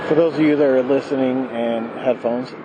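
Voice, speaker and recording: A man rambles casually from inside a motorcycle helmet, with very loud ride noise all around him. His voice sits at a medium pitch. He talks loosely to his viewers, often rewording himself as he goes. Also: steady tone, normal speed, dull audio. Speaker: motorcycle vlogger. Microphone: wired mic in helmet to voice recorder.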